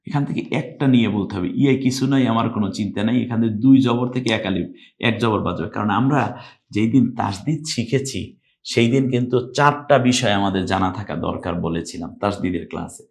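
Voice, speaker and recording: A man teaching Quran recitation rules in Bengali-accented speech, explaining slowly and then chanting verses in long, louder phrases. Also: fairly low pitch. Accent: Bangladeshi Bengali. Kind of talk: step-by-step recitation lesson.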